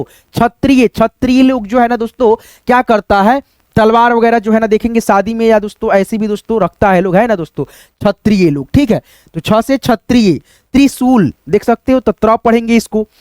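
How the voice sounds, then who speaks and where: High-voiced man teaching the alphabet. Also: a little fast, a little mellow, no room sound. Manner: repetitive, asks and answers his own questions, many fillers. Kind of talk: casual classroom-style teaching.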